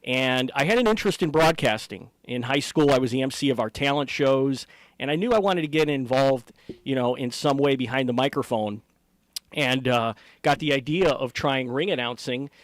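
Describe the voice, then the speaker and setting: A middle-aged man with an American accent speaks conversationally, as a ring announcer being interviewed. His voice sits at an average pitch and is recorded dry, with very little room sound. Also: normal speed, no echo.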